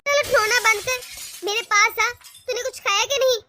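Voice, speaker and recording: A woman's voice: extremely high pitch, steady tone, normal speed, no room sound, heavily acted. A woman voicing a caring protective mother. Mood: consoling. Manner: warm, coaxing, motherly. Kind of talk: cartoon voice acting.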